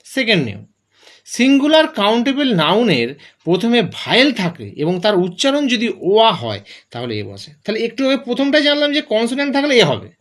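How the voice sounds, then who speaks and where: This male English teacher explains grammar point by point, speaking a touch quickly. He pitches his voice high, with animated rises and falls, and repeatedly answers the questions he puts to himself.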